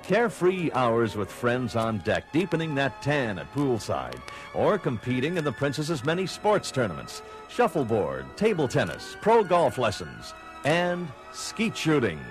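A man narrates a travel promo with lively, swooping intonation over clear background music. The delivery is polished, florid and scripted to sell. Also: medium pitch, a little slow. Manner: florid, salesmanlike.

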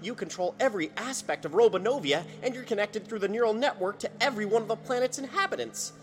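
A woman's voice: medium pitch, expressive, fast, faint music behind, lightly acted. A woman playing an eager, earnest young cub reporter boy in a retro sci-fi radio drama. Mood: worried.

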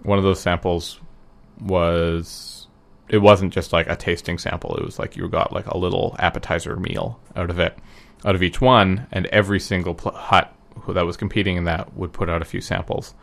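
Low-voiced hesitant man. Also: level tone, normal speed, vocal fry, a bit bright. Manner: rambling, hesitant with many ums and restarts. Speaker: guest recounting an event. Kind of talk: casual chat.

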